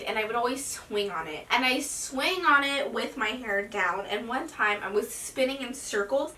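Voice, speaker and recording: A woman's voice: fairly high pitch, sharp tone, slight background noise. A teenage girl telling her own stories to the camera in a chatty vlog, full of "like" fillers. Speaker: vlogger. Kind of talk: casual storytelling vlog. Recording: roomy echo, slightly distant from mic.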